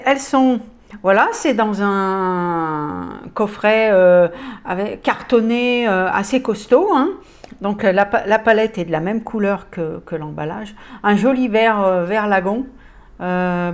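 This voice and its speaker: Slow-talking woman chatting over makeup. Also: mid-range voice. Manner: hesitant, many fillers and restarts, enthusiastic about colors. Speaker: beauty vlogger. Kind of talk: casual product haul chat.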